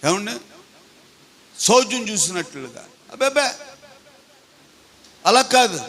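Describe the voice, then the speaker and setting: A man's voice: high voice, expressive, slow, bright, forceful tone. A pastor preaching a sermon, questioning his congregation and having them read scripture aloud. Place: large church hall. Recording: long hall reverb.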